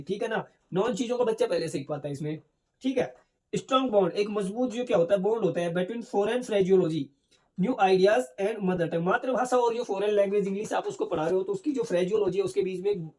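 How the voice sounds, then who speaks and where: A male teacher giving an exam-prep lecture. He asks questions and answers them himself, often tags on "theek hai na", and reads English points out slowly. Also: sits high, mellow. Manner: keeps adding "theek hai na".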